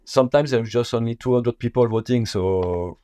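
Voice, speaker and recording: A native French speaker from France, this man appears as a guest in a casual podcast interview, speaking English with a French accent and halting as he hunts for words. His voice has a medium pitch and a dark tone, with no room sound.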